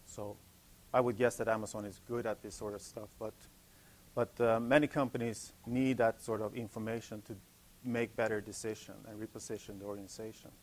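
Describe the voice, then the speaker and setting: In a conference hall, a Swedish man with a Swedish accent, for whom English is a second language, delivers a technical presentation. His lowish voice stays flat, and he speaks haltingly, restarting often.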